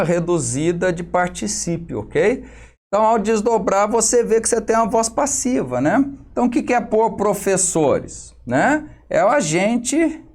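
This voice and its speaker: A man's voice: on the high side, a little mellow. A male teacher with a Brazilian Portuguese accent working through exam questions for students, explaining step by step and ending nearly every phrase with a tag question.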